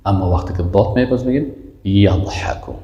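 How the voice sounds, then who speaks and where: A man's voice: low voice, mellow, reverberant, muffled recording. Man drilling arabic sounds. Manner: repeats words slowly and emphatically, asks and answers his own questions. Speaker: Arabic teacher. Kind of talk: language lesson, drilling pronunciation.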